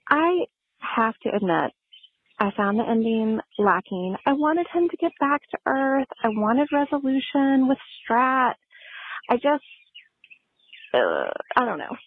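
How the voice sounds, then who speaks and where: Woman leaving a voicemail, gravelly kinda husky voice, tinny phone sound, earnest fan. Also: mid-range voice. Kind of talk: recorded voice message.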